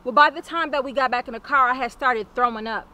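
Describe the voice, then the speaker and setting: A young woman with a high voice and sharp tone speaks quickly, telling her own story as a survivor. Her testimony is earnest and plain, and she repeats phrases to give them weight.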